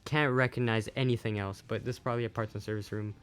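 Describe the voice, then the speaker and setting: Over background music, a YouTube game news commentator speaks fast in a low-leaning, steady, clean-toned voice. His hosting is casual and unscripted, plain in wording and somewhat uncertain.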